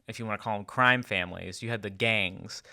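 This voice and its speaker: A young man co-hosting a podcast, chatting in quick animated rambling bursts. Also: on the low side, gravelly. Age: young adult. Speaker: podcast co-host. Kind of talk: casual chat.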